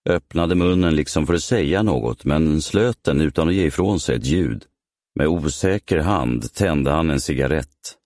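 Man, audiobook narrator, measured reading, very deep voice, dry booth sound. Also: darkish tone, no echo. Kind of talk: audiobook reading of a crime novel. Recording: dry close studio sound.

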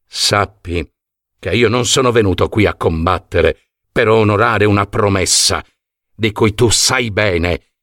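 A man's voice: lowish voice, a little slow, fairly bright tone, no echo, clean studio sound. A man voicing a proud, angry young warrior hero who speaks sternly and with scorn, in a storybook reading. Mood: scornful.

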